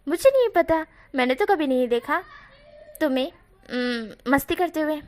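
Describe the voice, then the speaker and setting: A shy, smiling young man, polite and a little hesitant, as a woman voices him in a story. His voice sits high and light. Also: animated, moderate pace, darkish tone.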